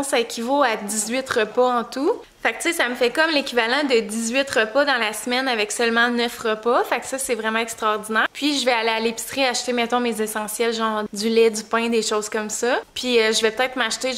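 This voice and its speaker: A woman's voice: fairly high pitch, fairly bright tone. A young woman with a Quebec French accent chats casually in a vlog, her articulation slightly off as if she has just bitten her tongue and it has swollen. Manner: informal, chatty storytelling. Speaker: vlogger and mother.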